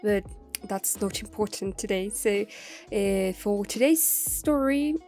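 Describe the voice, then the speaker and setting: A woman with a cold talks in a husky voice, chatting loosely about a comic and filling her pauses with "uh". Her pitch sits in the middle of the range. Soft music plays quietly beneath her. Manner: rambling, with many "uh" pauses. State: sick with a cold. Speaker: webcomic reviewer. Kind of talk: casual chat.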